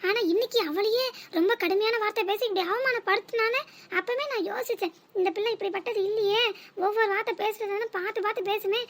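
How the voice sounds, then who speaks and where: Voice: very high-pitched, a bit bright. A performer voicing a worried village mother-in-law in a cartoon, with a southern Tamil Nadu accent, musing fretfully to herself. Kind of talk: cartoon voice acting.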